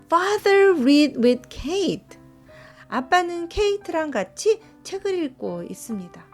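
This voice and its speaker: A woman reads a children's storybook slowly and gently. Her voice is high and melodic. Soft music plays under her. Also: sing-song. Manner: slow, gentle and explanatory. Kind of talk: bilingual storybook reading. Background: soft background music.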